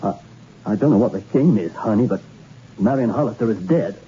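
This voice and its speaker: A male actor with a lowish, warm, natural voice plays a hard-boiled investigator in a 1960s radio drama, speaking fairly quickly and animatedly in a clipped, dry, persistent manner. The old radio recording sounds dull and faintly hissy.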